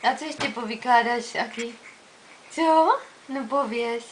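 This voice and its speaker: A woman's voice: a little high, a little hiss or hum. A woman talking baby talk to an infant, coaxing him with sing-song questions.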